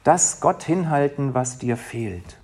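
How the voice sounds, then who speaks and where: A man preaching a heartfelt sermon as a pastor, shifting between soft, quiet passages and emphatic, rising lines. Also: mid-range voice, expressive, slow, husky. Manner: emotional, dynamic, swings from soft to emphatic.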